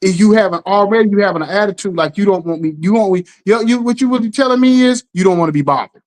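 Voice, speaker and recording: A man co-hosting a casual talk show, telling stories with lively acted-out quotes and a steady "you know what I'm saying.". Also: quick pace. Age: adult parent. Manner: animated storytelling, acts out quotes with jumps in pitch. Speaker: podcast co-host. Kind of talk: casual chat.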